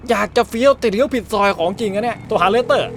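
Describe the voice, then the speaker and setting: A man's voice: sits high, expressive, very fast, slight background noise. A man giving crude, joking let's-play commentary, swearing freely and dubbing the game's dialogue in his own voice. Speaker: gaming YouTuber.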